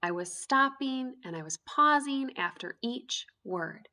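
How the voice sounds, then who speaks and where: A woman teacher giving a reading lesson to young children, speaking slowly and clearly in an encouraging way. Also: a little high, lively intonation, sharp tone.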